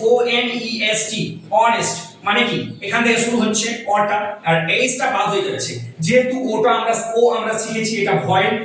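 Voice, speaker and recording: A man teaching a grammar lesson, repeating sounds slowly and checking whether his listeners have understood. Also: very high voice, sharp tone. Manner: repeats words and asks "understood?"; spells out sounds slowly, writing as he talks. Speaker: English teacher. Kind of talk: explaining grammar in a classroom lesson. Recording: very echoey room, voice far from mic.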